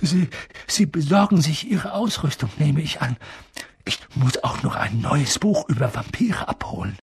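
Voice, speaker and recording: A man puts on a jittery young professor who stammers and trips over every word in a breathy half-whisper. The voice is husky, and the recording is close and dry. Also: fairly high pitch, expressive, measured pace, no room sound, full character voice. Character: pale nervous young male professor.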